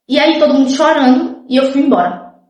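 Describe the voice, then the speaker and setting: A woman's voice: high voice, a little fast, a little mellow, echoey room. A young woman, casually telling viewers her life story and acting out what others said. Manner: chatty, often says "gente" and "tipo", acts out others' lines.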